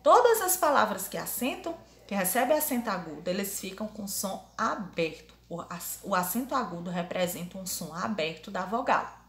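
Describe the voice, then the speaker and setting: A woman teacher giving a grammar lesson to young pupils, saying example words over and over slowly. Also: mid-range voice, sing-song. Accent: Brazilian Portuguese. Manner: drills words aloud, repeating them slowly. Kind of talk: primary school grammar lesson. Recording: echoey room.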